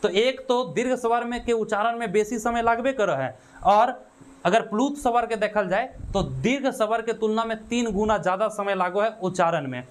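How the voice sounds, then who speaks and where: A man with a Khortha accent, his voice sitting fairly high for a man, teaches an exam-prep grammar lesson over slides. He explains step by step, poses questions and answers them himself, and keeps checking in with his listeners. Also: moderate pace. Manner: explains step by step, asks and answers own questions, frequent "है ना" and "ठीक है".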